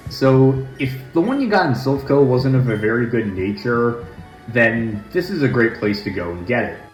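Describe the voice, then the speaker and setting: A man hosts a let's play at a middle pitch, chatting and joking his way through the game. His voice bounces around a large, echoey room at home. Soft game music sits low in the background. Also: animated, moderate pace. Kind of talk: casual gameplay commentary.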